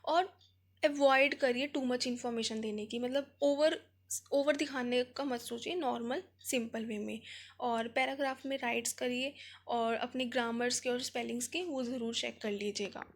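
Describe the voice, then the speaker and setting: A woman with an Indian accent teaching an exam revision lecture, explaining in Hindi mixed with English terms and reading headings out slowly. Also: a little high, fairly even intonation.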